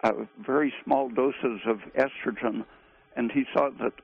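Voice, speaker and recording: A man speaking as a guest expert on a call-in radio show, halting, with frequent pauses. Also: mid-range voice, fairly even intonation, gravelly. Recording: tinny phone line.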